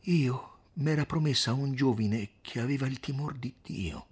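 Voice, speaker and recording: A man voicing a tearful young woman in a storybook reading, pleading in a high, strained voice. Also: normal speed, darkish tone, breathy edge, natural voice. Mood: resolute. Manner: pleading, sobbing, high-pitched.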